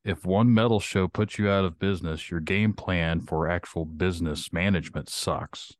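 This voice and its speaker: A man's voice: low voice, normal speed, dry recording. A man hosting a podcast, ranting bluntly with heavy swearing in casual chat. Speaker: podcast host.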